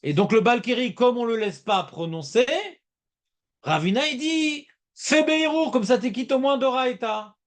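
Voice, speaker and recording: A man's voice: very high-pitched, normal speed. A man teaching a Talmud class, talking emphatically and repeating his points as he explains. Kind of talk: lively Talmud class discussion.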